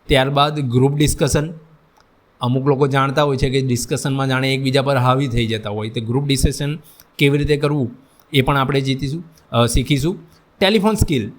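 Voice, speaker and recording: Man, vocational instructor, classroom lecture, slightly high voice, talks straight to students. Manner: explains mixing English terms into speech; addresses students directly.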